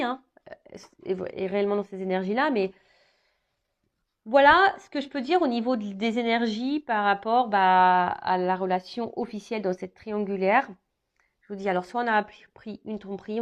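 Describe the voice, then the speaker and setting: A woman's voice: medium pitch, lo-fi sound. A woman doing a casual tarot reading for her viewers, talking hesitantly with many fillers and restarts. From France. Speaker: tarot reader.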